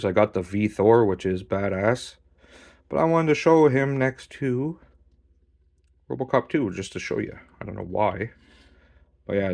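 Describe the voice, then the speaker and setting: A man casually reviewing a model kit while posing it, relaxed, swearing now and then, and a bit out of breath. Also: lowish voice, gravelly. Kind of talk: casual hands-on toy review.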